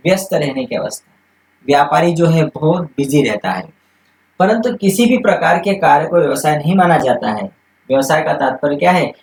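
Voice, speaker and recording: A man's voice: on the high side, a little mellow, reverberant, rough recording. A man teaching a commerce lesson in Hindi, explaining step by step and posing questions that he answers himself. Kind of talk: classroom lecture.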